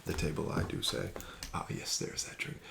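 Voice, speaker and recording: In an ASMR roleplay, a man plays a casino card dealer, speaking softly with whispered phrases and formal, courteous, gently coaxing patter. He talks at normal speed, with background noise present.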